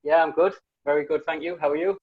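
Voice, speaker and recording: A community council member, a young man with a broad UK accent, casually interviews someone on a video call from a small room at home, reading questions warmly with many ums. He sounds on the high side, fast and fairly even, with a breathy edge and phone-like quality from his earphone headset.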